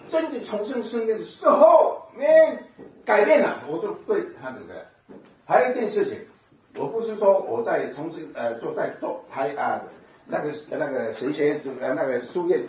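A man giving a personal testimony sermon, telling his story in an animated way with sound effects. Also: a little high. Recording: echoey hall from far off, dull sound.

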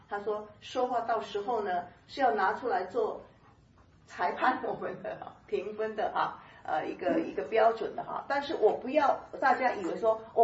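A woman giving a conversational sermon-style Bible teaching, lively and chatty, laughing often and dotting her talk with soft filler particles. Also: medium pitch, reverberant, distant mic, lo-fi sound.

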